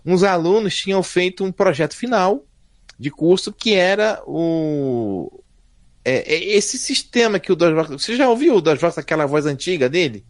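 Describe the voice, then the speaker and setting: A man, telling stories as a podcast guest in a lively, slangy way. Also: a little high, normal speed, no room sound. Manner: lively and slangy, voice rising and falling. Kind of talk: casual storytelling chat.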